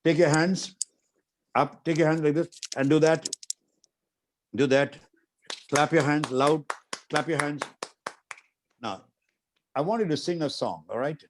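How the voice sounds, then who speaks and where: A middle-aged Indian man, a martial arts master, guides a guest through exercises during an interview demonstration over a video call. His slightly high voice moves at a measured pace with long pauses and background noise. He both commands and coaxes, repeating short instructions.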